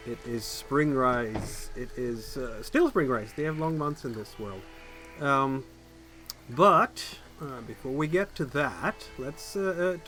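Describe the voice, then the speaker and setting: Slow-spoken man hosting a tabletop game. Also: on the high side, bright, forceful tone. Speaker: game master, host.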